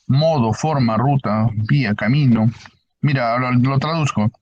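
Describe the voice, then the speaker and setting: A man's voice: mid-range voice, breathy edge, lo-fi sound. Man lecturing a class. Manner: explanatory, asks the class frequent questions. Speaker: teacher. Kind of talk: online university lecture.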